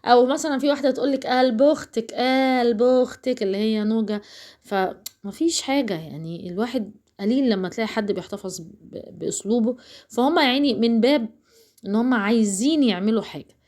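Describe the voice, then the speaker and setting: A woman's voice: a little high, fast, a little mellow. A woman with an Alexandrian Egyptian accent, chatting casually to viewers while cooking, rambling and talking straight to them. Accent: Alexandrian Egyptian Arabic. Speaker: cooking vlogger.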